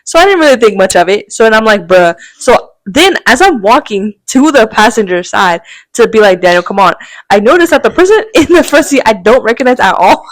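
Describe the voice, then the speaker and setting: A young adult woman with a slightly high voice speaks briskly as a podcast co-host, with no echo on the recording. Chatting casually, she rambles through a story, acts out quotes animatedly, and laughs often.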